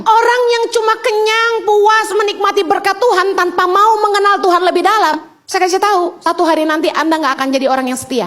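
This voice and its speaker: A woman's voice: very high-pitched, a bit bright. A middle-aged woman, preaching an emphatic sermon and slipping in English phrases.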